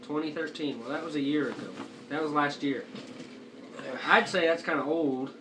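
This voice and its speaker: A man's voice: a little high, normal speed. A young man giving a casual review as he chats, talking with a lip full of dip. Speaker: amateur product reviewer. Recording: noisy, distant home video microphone.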